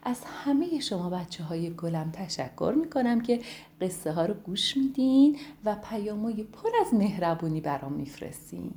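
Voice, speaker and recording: A woman telling a bedtime story to children in an affectionate, gentle way. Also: medium pitch, very animated. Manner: affectionate, addresses children warmly.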